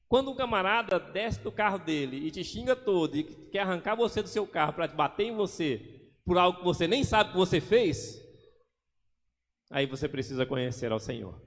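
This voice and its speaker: A man preaching a sermon as pastor, acting out little everyday scenes as he goes. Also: high voice. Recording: long hall reverb.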